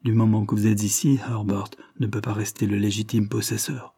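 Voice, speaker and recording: A man's voice: lowish voice, level tone, brisk, gravelly, mellow, breathy edge. A man reading the part of an anxious, shaken noblewoman in an audiobook, asking urgent questions.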